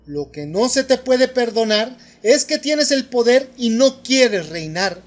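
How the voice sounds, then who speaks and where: A man's voice: very high voice, lively intonation, slow pace, full character voice. Man reading a stern voiceless inner voice. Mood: commanding. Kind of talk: audiobook reading.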